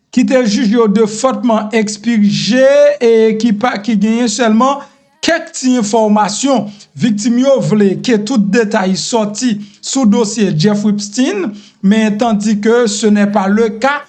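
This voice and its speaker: A man's voice: high voice, darkish tone. A man with a Haitian accent presenting news commentary, addressing viewers directly with frequent fillers and restarts.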